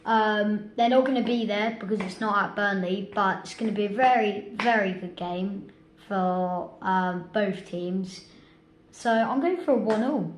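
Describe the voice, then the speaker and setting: A woman's voice: medium pitch, unhurried. A woman hosts a casual football prediction chat, talking in a chatty, hesitant way with many restarts. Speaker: host. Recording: echoey room, faint noise.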